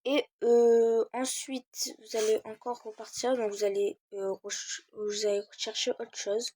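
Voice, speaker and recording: A woman's voice: a little high, little pitch movement, a little slow, warm tone, dry recording, clean studio sound. A teenage girl giving a casual screen-recorded game tutorial, hesitating often with fillers while she searches.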